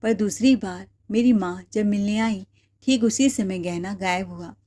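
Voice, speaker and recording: A woman's voice: medium pitch, unhurried, mellow, lightly acted. A woman voicing a wronged young wife who defends herself in an earnest, firm way. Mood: defiant.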